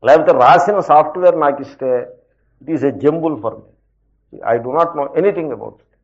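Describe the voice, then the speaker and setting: A man teaching scripture as a spiritual teacher, explaining patiently and posing rhetorical questions with slow, emphatic asides. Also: fairly high pitch. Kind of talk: scripture lecture with commentary. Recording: dull lo-fi lecture recording.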